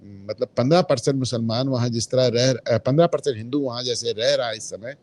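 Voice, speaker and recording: A man's voice: medium pitch, a little fast, darkish tone. A man speaking as a guest in a political discussion, emphatic and opinionated, dropping English phrases into his talk. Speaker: guest commentator.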